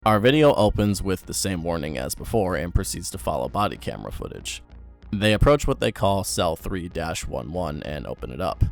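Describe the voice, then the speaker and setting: A man's voice: deep voice, very animated, moderate pace, creaky, faint music behind. A young man giving wry, sarcastic commentary on horror videos.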